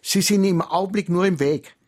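A man speaking as an expert guest on a radio call-in, explaining in a measured, lecturing way. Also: sits high, a little mellow.

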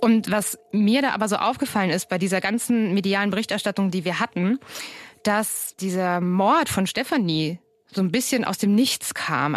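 A woman's voice: medium pitch, no room sound. Reporter woman telling a case, dry sound. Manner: thoughtful, with fillers and restarts. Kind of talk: conversational storytelling.

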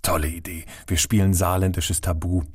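A man's voice: low-pitched, little pitch movement, normal speed, breathy edge. A man voicing a playful adult son who teases his parents in standard German. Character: grown son, city-dwelling, playful and teasing.

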